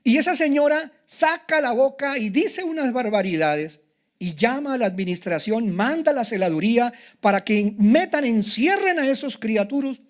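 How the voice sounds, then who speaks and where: Older male pastor, high voice, emphatic confessional sermon. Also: lively intonation, moderate pace.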